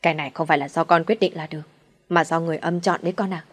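A woman's voice: low-pitched, fairly even intonation, racing. A woman voicing an older fortune-teller mother who scolds shrilly and mutters prayers, in a storybook reading. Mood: coaxing. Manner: scolding, then fawning when praying.

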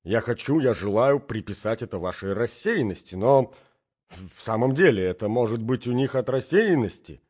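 A sly society lady, put on by a male audiobook reader speaks in an insinuating hiss. Her pitch is a little higher than the reader's own. The recording is dull and lo-fi. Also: expressive, normal speed, a little mellow, lightly acted. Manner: hissing, insinuating.

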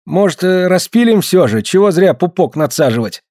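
A man's voice: high-pitched, measured pace, a little mellow, voice pushed up. A man reading a story aloud, voicing an exhausted working man who pleads and complains. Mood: pleading. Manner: pleading, whining.

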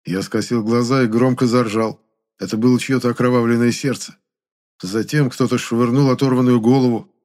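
Male narrator for a first-person fantasy audiobook, steady and even. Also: mid-range voice, moderate pace.

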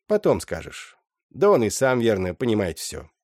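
A man's voice: lowish voice, huge pitch swings, moderate pace, darkish tone, dry recording, clean studio sound. A man voicing a scheming old mother witch who scolds and mocks, in an audiobook. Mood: scornful. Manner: scolding, mocking. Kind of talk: audiobook character voice.

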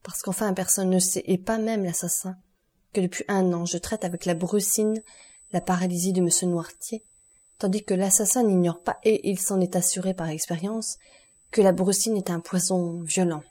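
A woman reading the part of a stern, relentless male doctor, solemn and accusing in a measured way. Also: fairly low pitch, fairly even intonation, mellow, natural voice.

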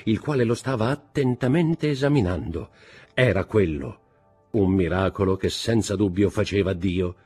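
A man reading a classic novel aloud in a measured, grave, dramatic way. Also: deep voice, darkish tone, husky. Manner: measured and grave, with acted dialogue. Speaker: audiobook reader.

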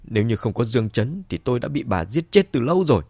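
A man's voice: sing-song, quick pace, darkish tone, breathy edge, dry recording. A man doing a bitter furious old father. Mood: angry. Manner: sneering, low and angry.

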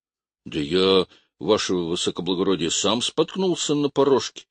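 A man's voice: deep voice, big pitch swings, moderate pace, dry recording. A man voicing a simple gendarme who complains in a whiny voice. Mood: defensive. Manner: whining, tearful reporting.

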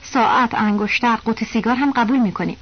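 A curt, formal male waiter in an audiobook, voiced by a high-pitched woman narrator. He speaks briskly and politely but coldly. The recording sounds dull and lo-fi. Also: slight background noise, natural voice. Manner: curt, formal, then scolding. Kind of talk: audiobook character voice.

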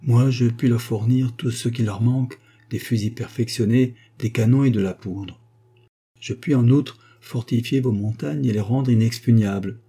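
Male reader as a smooth-talking mercenary, dark and husky. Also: medium pitch, steady tone, normal speed. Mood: persuasive. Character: male soldier of fortune, confident and persuasive.

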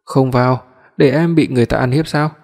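A man voicing a cold, commanding young executive who speaks calmly and briefly in an audiobook. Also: medium pitch, brisk, creaky, lightly acted. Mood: cool. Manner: calm, cool, clipped. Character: cold, commanding young CEO, tender to his love. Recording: long hall reverb.

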